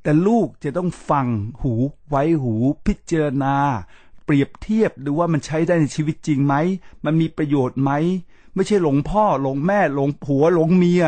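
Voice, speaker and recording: Earnest man with a raised pitch. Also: moderate pace, dark tone, dry recording. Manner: earnest, emphatic storyteller who often addresses the listeners directly. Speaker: podcast host. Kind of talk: reflective monologue to listeners.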